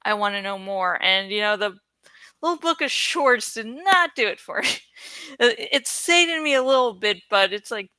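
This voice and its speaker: A woman YouTuber who reads books aloud chats with her viewers in a playful, rambling, self-deprecating way. Her voice is a little high, animated and sharp, at normal speed with no echo.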